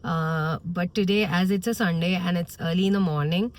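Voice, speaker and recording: A woman's voice: lowish voice, very slow. A woman with a Malayali accent giving casual, unscripted vlog chat, switching between English and Malayalam. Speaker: vlogger. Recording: faint vehicle and street noise.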